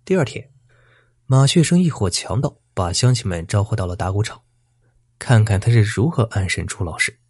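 A man narrating a dramatic folk tale in a plain, steady storytelling manner. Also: lowish voice, moderate pace, slightly rough, dry recording, studio quality.

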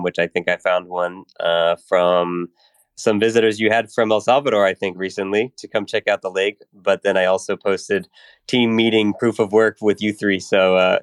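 A male host with a low voice speaks in an even, level tone. He is easygoing as he passes the floor to his guests. The recording sounds dry, with no room echo. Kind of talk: casual interview hosting.

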